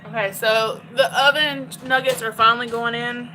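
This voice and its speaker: A woman's voice: a little high, fairly even intonation, normal speed, pushed and bright, a little hiss or hum, low-quality recording. A woman chatting candidly to her phone while cooking in her home kitchen. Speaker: cooking vlogger. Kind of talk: casual chat while cooking.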